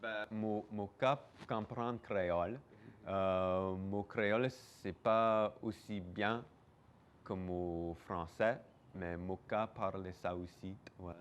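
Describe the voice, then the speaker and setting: A man's voice: lowish voice, fairly even intonation, slow pace, slight background noise. A man giving hesitant, explanatory answers in a casual interview. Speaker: museum interviewee.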